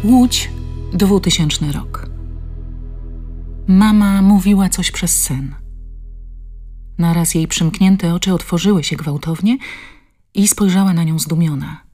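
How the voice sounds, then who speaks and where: A woman narrating an audiobook in a measured, expressive reading. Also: on the low side, soft background music. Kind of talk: scripted narration.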